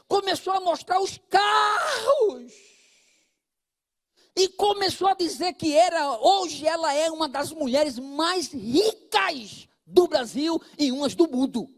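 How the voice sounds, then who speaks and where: Slowly and expressively, a male pastor with a Brazilian Portuguese accent preaches in a very high voice. He talks directly to his flock, swinging between loud calls and murmured asides.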